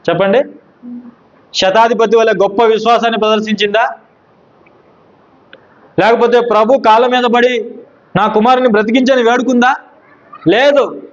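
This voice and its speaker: A man preaches a sermon in a high voice, recorded with a dull, lo-fi sound. He asks his listeners questions and answers them himself. He drops low and slow when he quotes scripture.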